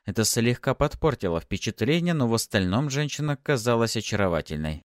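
A man narrating a first-person audiobook in a lively, expressive way. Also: mid-range voice, fairly quick, no echo, studio quality.

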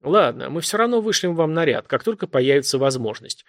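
A man voicing a harried police officer working the phones, brisk and firm, trying to reassure callers. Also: a little high, sing-song. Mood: pressed. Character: harried male police dispatcher, calm but pressed.

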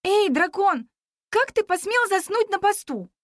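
A woman voicing a bold, quick-witted young girl heroine in a storybook reading, with a high, bossy, lively voice. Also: dry recording, studio quality.

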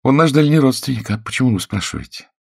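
A man's voice: medium pitch, animated, quick pace, gravelly, slightly rough, no room sound, studio quality, pitched above the performer's own voice. A man voicing a polite, composed young actress.

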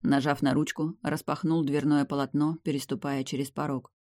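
A man reading a dramatic novel aloud in first person, in a measured audiobook style. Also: a little high, flat delivery, a little mellow, dry recording, studio quality. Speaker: audiobook narrator. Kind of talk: scripted first-person narration.

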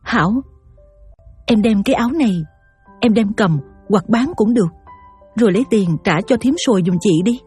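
A woman's voice: medium pitch, moderate pace, long pauses, darkish tone, breathy edge. An actress with a Southern Vietnamese accent playing a poor, devoted young mother who speaks politely and pleadingly, over faint music. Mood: humble.

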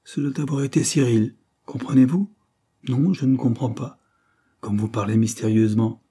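Man voicing an indignant young gentleman. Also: medium pitch, moderate pace, slightly rough. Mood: agitated. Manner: protesting, agitated.

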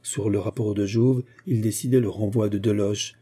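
A man narrating a classic novel as an audiobook, in a measured, expressive reading. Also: on the low side, breathy edge.

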